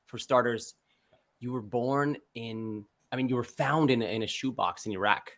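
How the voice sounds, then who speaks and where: A man's voice: medium pitch, normal speed, fairly bright tone. A man hosting a casual interview over a video call, laid-back and calling his guest man and bro. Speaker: podcast host.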